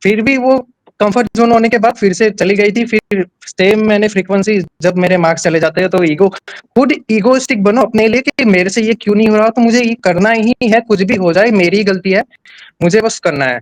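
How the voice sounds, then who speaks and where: A man's voice: high-pitched, a little fast, no echo, poor audio. A young man from Gujarat, a nurse and exam topper, telling his story candidly and plainly, with many restarts. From Gujarat, India. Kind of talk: casual interview.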